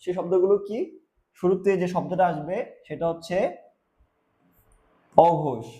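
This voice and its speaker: A man's voice: high-pitched, steady tone, a little fast, dark tone, echoey room. A young man and university student from Bangladesh teaching a lesson, asking and answering his own questions and stressing key terms. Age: young adult. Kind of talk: classroom lesson.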